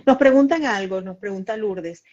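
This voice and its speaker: A woman's voice: mid-range voice, normal speed, darkish tone, muffled recording. A woman hosting a live stream, encouraging her guest and relaying viewers' questions.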